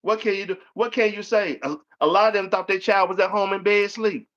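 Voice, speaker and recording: On dull lo-fi audio, a man hosts a casual chat in a high, steady voice that's fairly quick and fairly bright. He tells stories in a folksy way and acts out the quotes.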